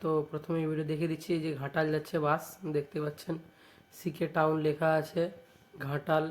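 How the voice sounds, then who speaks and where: With a level tone and a slightly high voice, this West Bengali man talks fast while casually showing off his shop's products on a vlog. He frequently adds small tag phrases to check in, his accent marking him as from West Bengal, India.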